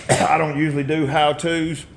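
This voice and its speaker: A man hosting a casual motorcycle how-to video in his garage, relaxed and rambling, often clearing his throat and coughing. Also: on the high side, a little slow. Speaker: motorcycle builder and channel host.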